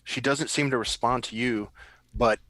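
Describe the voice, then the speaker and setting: A man's voice: mid-range voice, fairly even intonation, normal speed, fairly bright tone, no room sound. A man narrating as game master, describing scenes in a rambling way with frequent restarts.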